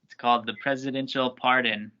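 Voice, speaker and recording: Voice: mid-range voice, fairly even intonation, brisk, pushed and bright, muffled recording. A game show host putting quiz questions to contestants and confirming their answers.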